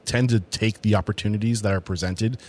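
A New Hampshire man hosts a casual interview podcast in an upbeat, chatty way, with lots of fillers and restarts. His lowish, slightly mellow voice is fairly quick with fairly even intonation.

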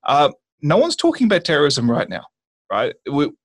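A man's voice: on the high side, huge pitch swings, moderate pace. An Australian man speaking as a guest in a casual conversation, blunt and matter-of-fact with dry humor. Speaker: guest, violence management specialist.

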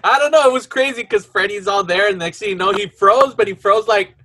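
A man in his late thirties hosting a casual podcast chat over a video call, chatty and quick to laugh. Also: high voice, bright, forceful tone. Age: 30s. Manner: chatty, laughs easily, loose filler-heavy talk. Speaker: podcast host.

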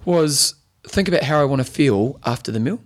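Male podcast host, broad Kiwi accent, mid-pitched voice, casual sports chat full of matey slang. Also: expressive, normal speed. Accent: broad New Zealand.

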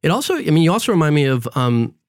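A man's voice: on the high side, sing-song, quick pace, no room sound, clean studio sound. A man in his forties, raised in Florida, talking reflectively in a casual podcast conversation, often checking in with "right?" and "you know". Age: 40s.

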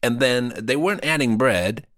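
A man co-hosting a podcast in casual comedic banter, with vocal fry and a theatrical, mock-dramatic way of talking. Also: medium pitch, animated, moderate pace, a bit bright. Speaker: podcast co-host.

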